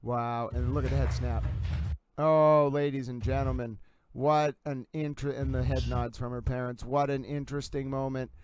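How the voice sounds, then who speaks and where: A man's voice: medium pitch, steady tone, moderate pace, noisy background. A man hosting a livestream in a mock sports-commentary style, showy and emphatic, repeating catchphrases. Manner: showman-like, emphatic, repetitive catchphrases.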